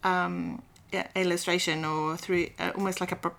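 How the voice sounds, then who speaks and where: Woman interviewer, bright sharp voice, lots of uhs. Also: fairly low pitch, little pitch movement, normal speed, creaky. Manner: hesitant, with many fillers. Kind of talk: casual interview talk.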